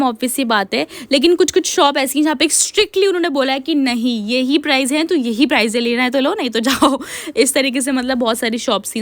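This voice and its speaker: A woman's voice: high voice, dry recording. A woman vlogger narrating casually, chatty and rambling with lots of fillers. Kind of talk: casual vlog voice-over.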